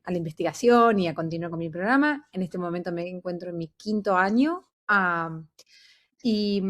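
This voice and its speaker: A woman from Argentina, a doctoral researcher speaking as a panel guest, explaining her work earnestly with some fillers. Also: mid-range voice. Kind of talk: panel talk.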